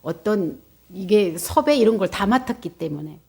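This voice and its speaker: A woman Buddhist nun giving a dharma talk, telling a personal story in a lively way, acting out quotes with gasps. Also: mid-range voice, moderate pace, vocal fry, breathy edge. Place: meditation center.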